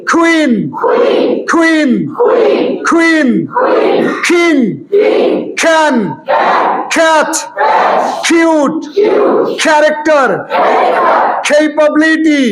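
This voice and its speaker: A male English teacher loudly drilling pronunciation with a class, calling out words for students to repeat. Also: very high-pitched. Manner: loud, emphatic call-and-repeat drilling. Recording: class noise clearly audible behind.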